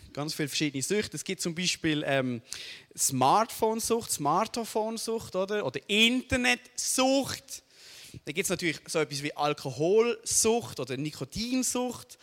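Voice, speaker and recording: A young adult man with a Swiss German accent preaching a sermon, often checking in with the audience. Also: high-pitched. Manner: animated, asks the audience "oder?" often. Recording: long hall reverb.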